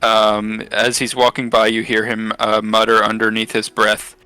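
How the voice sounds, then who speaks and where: A man's voice: lowish voice, completely flat delivery, normal speed, pushed and bright, clean tone, no echo. Rambling man describing his character. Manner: rambling, hesitant, many fillers. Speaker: tabletop player.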